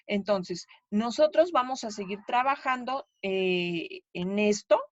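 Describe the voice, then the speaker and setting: A woman's voice: medium pitch, no room sound, dull audio. A woman with a Mexican Spanish accent, explaining pronunciation to her class in a patient, chatty way and checking in often with her students. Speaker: English teacher.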